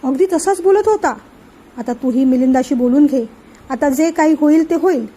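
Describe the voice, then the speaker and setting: A woman's voice: sits high, moderate pace, dark tone, lightly acted. A woman reading the part of a young woman reassuringly chatting on the phone.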